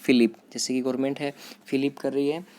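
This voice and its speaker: Man, teacher, vocabulary lesson, spells and repeats each word, talks to students, warm mellow tone. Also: medium pitch, level tone, a little fast. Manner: spells words letter by letter and repeats them; addresses students directly, with hesitant fillers.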